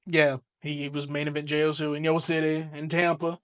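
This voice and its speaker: A young man co-hosting a casual chat podcast, his voice sitting a little high for a man. He rambles in an excitable way, restarting his sentences and swearing freely. The sound is dry and close, with no room echo. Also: brisk. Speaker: podcast co-host.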